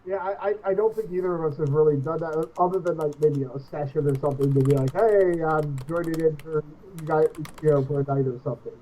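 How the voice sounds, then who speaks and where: A man chatting casually and haltingly, repeating words, through a muffled microphone on an online call. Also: on the high side, steady tone, dark tone. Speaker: tabletop game player on the show. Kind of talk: casual chat. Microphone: computer microphone over a video call. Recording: muffled, dull lo-fi call audio.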